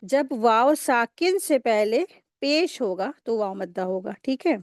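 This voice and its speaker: A woman teaching a recitation lesson, patiently repeating rules and slowly drawing out syllables to demonstrate them. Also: a little high, expressive, no room sound, clean studio sound. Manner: slow drawn-out syllable-by-syllable demonstrations. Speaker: tajweed teacher.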